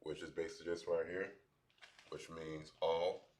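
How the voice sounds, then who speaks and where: A man teaching a language class at a board, talking in halting bursts with many restarts. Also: deep voice, little pitch movement, a little mellow.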